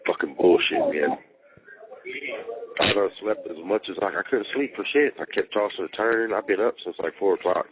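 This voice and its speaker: A man with a lowish voice speaks at a moderate pace on a recorded jail call to his partner, with crowd noise in the background. He is an inmate venting casually, full of slang and swearing, and he repeats things for emphasis. The sound is muffled and band-limited from the telephone handset.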